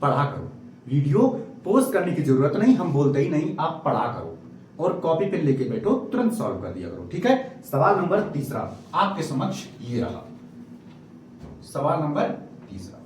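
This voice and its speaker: A male maths teacher with a high, lively voice, coaxing his students along as he works through problems. He is recorded from a distance in a very echoey classroom, with faint noise behind him. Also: moderate pace. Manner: coaxing, repeatedly prompts students to read aloud.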